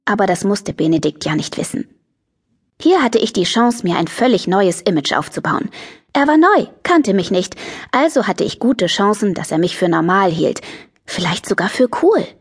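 A woman narrating a teen novel in the first person, lively, chatty and self-mocking. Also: medium pitch, normal speed, slightly rough. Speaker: audiobook narrator.

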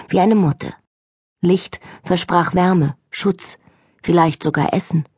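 Husky, calm woman reading an audiobook. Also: mid-range voice, no echo, studio quality. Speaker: audiobook narrator. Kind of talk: scripted audiobook narration.

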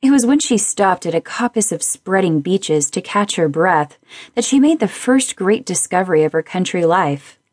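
A woman narrates a story for an audiobook, her voice sitting a little low. She tells it in a measured, expressive way. The studio sound is dry and close, with no room echo.

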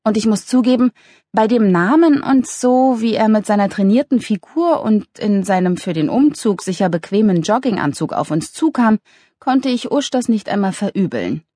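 Husky woman narrating a comic novel. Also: moderate pace, dry recording, studio quality. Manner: lively, ironic, voices characters with raised pitch. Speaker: audiobook narrator. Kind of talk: scripted narration of a humorous novel.

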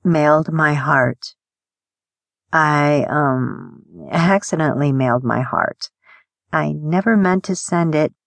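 Slow, soft-spoken woman reading poetry. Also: low voice, vocal fry, dry recording. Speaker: audiobook narrator.

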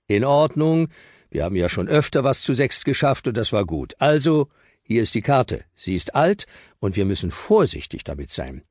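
A man's voice: medium pitch, very animated, moderate pace, darkish tone, dry recording, clean studio sound, pitched above the performer's own voice. A man voicing a sensible, level-headed boy who organizes his friends. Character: sensible bossy boy leader.

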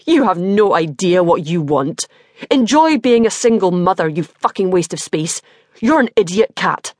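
A woman's voice: on the high side, expressive, normal speed, no echo, studio quality. A woman voicing a furious, sneering man, a bitter ex-partner in an audiobook scene. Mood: contemptuous. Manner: sneering, contemptuous.

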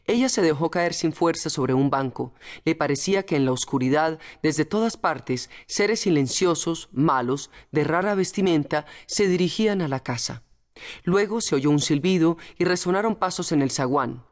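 A woman reading a novel aloud as audiobook narrator in a measured, dramatic manner. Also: low voice, expressive. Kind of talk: scripted narration.

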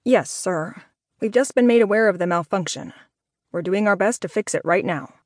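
A woman's voice: medium pitch, lively intonation, moderate pace, a little mellow, dry recording, studio quality, natural voice. A woman voicing a polite, apologetic male hotel operator who sounds tinny over an emergency phone line.

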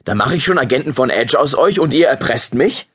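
A man's voice: medium pitch, lively intonation, a little fast, fairly bright tone, slightly rough. A man playing an easygoing young agent in his twenties, hesitant with fillers.

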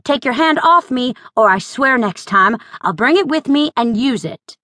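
A woman narrator voicing a young frontier mother who answers a harasser with sharp sarcasm. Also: high voice, expressive, normal speed, no echo, studio quality, voice pushed up. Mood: defiant. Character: young frontier mother, defiant yet frightened.

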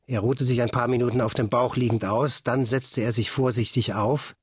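A male audiobook narrator reading a story in a calm, measured way. His mid-pitched voice has a husky texture. The recording is dry and close, with no room sound. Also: no echo.

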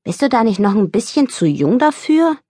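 A woman's voice: a little high, big pitch swings, normal speed, mellow, slightly rough, dry recording, studio quality, pitched above the performer's own voice. A woman voicing a young boy who is defiant and upset, speaking in indignant outbursts in an audiobook. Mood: curious, pointed.

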